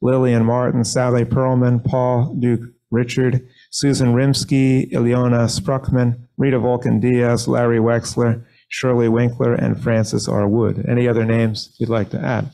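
A male rabbi leading a synagogue service speaks into a lectern microphone in the sanctuary, earnestly and carefully telling a short story. His medium-pitched voice is monotone, gravelly, and mellow, and the recording is rough.

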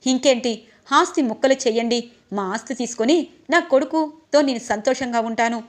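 An angry mother pressing for her son's due, emotional and insistent, read by a woman narrator. The voice sits fairly high. It stays close to the reader's own. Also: moderate pace, lightly acted. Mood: indignant.

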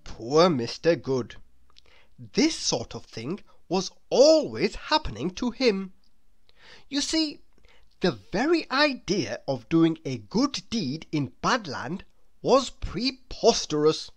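With a voice on the low side, a woman reads a children's storybook aloud, deliberate and expressive as she tells it.

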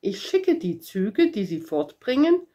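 A woman's voice: medium pitch, big pitch swings, unhurried, mellow, muffled recording. A woman reading a weary railway switchman. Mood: matter-of-fact. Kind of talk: storybook read-aloud.

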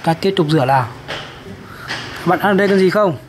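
High-voiced man talking as if to toddlers. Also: brisk, background noise. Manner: simple, repetitive, encouraging talk as if to a toddler. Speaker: presenter of a children's toy video. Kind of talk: toy-washing narration for young children.

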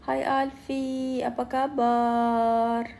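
A sleepy woman, chatting at a slow, unhurried pace on a phone livestream. Her voice sits a little high. She halts often with drawn-out fillers as she searches for words, sounding worn out. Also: little pitch movement, creaky, darkish tone, a little hiss or hum. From Belarus. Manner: halting, searching for words, many pauses with "eh". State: tired and sleepy. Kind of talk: casual livestream chat answering comments.

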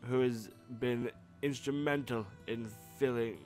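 A man voicing a gruff old male resistance leader from a video game, speaking slowly. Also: mid-range voice, fairly even intonation, a little mellow, faint music behind, lightly acted. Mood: proud.

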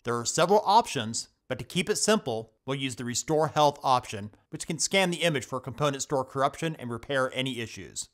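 A man hosting a computer help tutorial, reading scripted step-by-step instructions in a steady voice-over. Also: medium pitch, brisk, hardly any pauses. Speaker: tech tutorial host. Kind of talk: scripted screen-recording voice-over.

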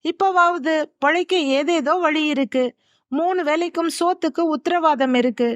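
A woman's voice: sits high, normal speed, no echo, highs cut off, natural voice. A woman voicing an elderly husband, grieving and protective, who speaks in heavy, aggrieved pleading.

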